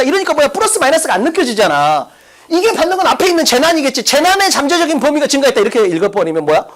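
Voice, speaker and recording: Man, english teacher, exam-prep lecture, classroom, rapid delivery, animated pitch, blunt, crude slang, rhetorical questions. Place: classroom in front of a blackboard.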